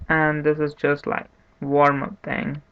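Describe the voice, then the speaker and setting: A man hosting a screen-recorded programming tutorial, talking in a monotone, unhurried way and thinking aloud with restarts. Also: fairly high pitch, clean tone. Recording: dull lo-fi mic with faint hiss. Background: keyboard typing and clicks.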